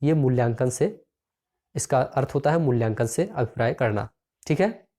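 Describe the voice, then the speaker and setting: Mellow-voiced male exam-prep teacher. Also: mid-range voice, animated, normal speed. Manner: reads out questions and options, then repeats the answer; addresses listeners as friends.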